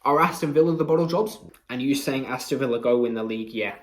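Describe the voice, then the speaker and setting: A man's voice: medium pitch, fast, echoey room. A young man giving a passionate, mocking post-match reaction as a fan channel host. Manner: passionate, swearing, mocking rivals.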